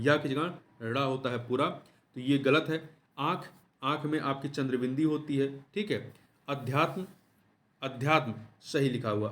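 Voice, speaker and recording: A man teaching an exam prep lesson, going through test questions step by step and repeating answers and rhetorical questions. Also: a little high.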